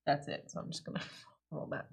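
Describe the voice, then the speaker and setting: A woman's voice: fairly quick, a little mellow. A woman playing a tabletop game in casual chat, blunt and joking. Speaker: player.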